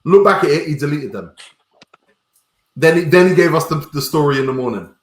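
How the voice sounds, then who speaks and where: A man's voice: a little high, lively intonation, brisk. A man co-hosting a casual stream, telling mock-serious stories about his friends. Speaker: podcast co-host. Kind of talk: casual banter. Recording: echoey room.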